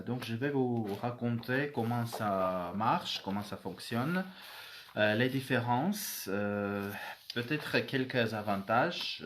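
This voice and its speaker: Slow, hesitant man explaining exams. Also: mid-range voice, slight background noise. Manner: hesitant, many fillers and restarts. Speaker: English teacher. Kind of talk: casual spoken explanation to camera.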